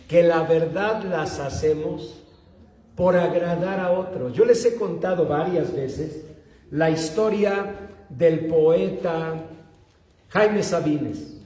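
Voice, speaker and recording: A man preaching a sermon to young people, telling stories and acting out the dialogue. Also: fairly high pitch. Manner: animated storytelling, acts out dialogue, addresses youth directly. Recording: echoey hall.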